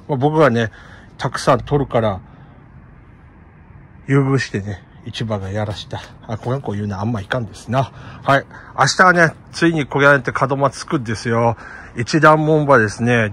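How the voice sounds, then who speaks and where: A man's voice: medium pitch, fairly bright tone. A middle-aged man with a Kumamoto dialect, chatting casually in a plant vlog and laughing at himself. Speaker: plant shop owner.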